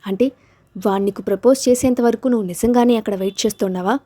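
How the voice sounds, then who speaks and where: A woman's voice: a little high, quick pace, warm tone, natural voice. A woman reading the lines of an intense, possessive young man in love in an audio story. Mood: menacing. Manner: fierce, then tender.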